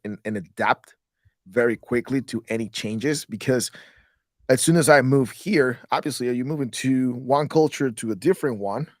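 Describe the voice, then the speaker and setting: A man's voice: mid-range voice, no echo, studio quality. Man from Guatemala, casual rambling talk. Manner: rambling, repeats words when restarting. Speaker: guest, real estate investor.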